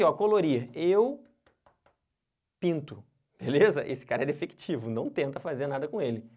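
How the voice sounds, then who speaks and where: A man's voice: on the high side, a little mellow. A man from Brazil teaching grammar to exam candidates in a casual lecture, often checking in with his students. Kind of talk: recorded classroom lecture.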